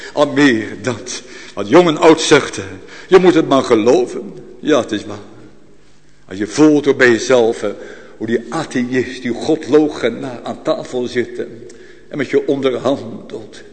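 A man preaching a sermon with fervour, swinging from hushed tones to loud outbursts. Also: mid-range voice, measured pace, big-room sound. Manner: fervent, swinging from hushed to loud, frequent tag "hè".

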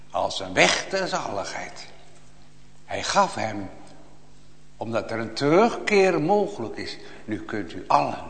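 A man preaching a sermon to his congregation, swinging from hushed appeals to loud, impassioned calls. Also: medium pitch. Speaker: pastor. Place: church. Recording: long reverb of a church hall.

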